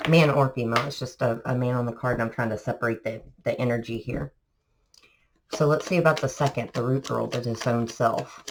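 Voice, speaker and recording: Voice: mid-range voice, steady tone, fairly quick, slight background noise, poor audio. A tarot reader with a congested voice from allergies, talking viewers through a casual reading in a chatty, rambling way full of fillers.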